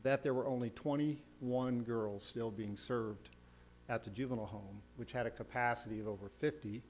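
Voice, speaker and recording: A man with a mid-pitched voice presents a formal legal argument as a lawyer in a courtroom. A faint hum sits behind him. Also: steady tone, moderate pace, a little mellow. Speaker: lawyer arguing an appeal. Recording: faint hum and background noise.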